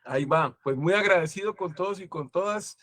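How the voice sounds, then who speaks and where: Colombian guest lecturer, fairly high male voice, dry close sound, thoughtful and searching. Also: a little fast, a bit bright, dry recording. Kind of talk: conference talk.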